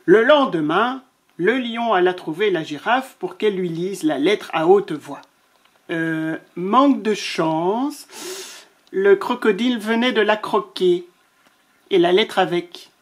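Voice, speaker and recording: A woman reading a children's picture book aloud, playful and expressive, adding little asides to the children. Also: mid-range voice, slow pace. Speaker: storyteller.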